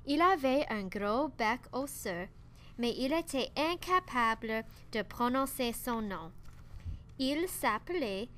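Slow, careful woman reading a children's book. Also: a little high. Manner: slow, careful, expressive read-aloud. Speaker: storybook reader.

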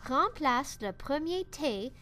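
A woman's voice: high-pitched, animated, slow pace, bright, forceful tone, a little hiss or hum, exaggerated voice. A woman voicing a wise, teasing old owl who asks patient, coaxing questions.

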